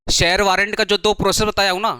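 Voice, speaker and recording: Brisk high-voiced male commerce tutor. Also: flat delivery, bright, forceful tone, smooth, no room sound. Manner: brisk, urges students to write fast, repeats terms. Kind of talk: classroom lecture. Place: coaching classroom.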